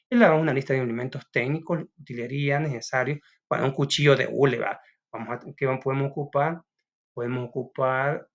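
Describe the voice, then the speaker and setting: A man explains a school drama lesson in a loose, casual way. He keeps checking in with a short "va?". The sound is dull and lo-fi. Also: medium pitch. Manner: casual, asks "va?" often. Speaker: teacher. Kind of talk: recorded lesson.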